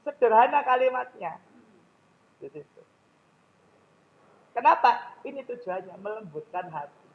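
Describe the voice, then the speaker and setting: High-voiced Javanese man lecturing. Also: expressive, unhurried, lo-fi sound. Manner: questions the audience directly. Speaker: public speaking trainer. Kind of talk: lecture to a mosque audience. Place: mosque.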